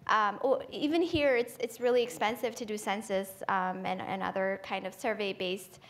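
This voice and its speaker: A woman's voice: medium pitch, fairly even intonation, moderate pace. A woman from Ethiopia speaking as a panelist at a conference forum, thinking aloud with many fillers and restarts and ending points with "right?". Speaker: panelist, AI researcher. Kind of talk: conversational panel talk.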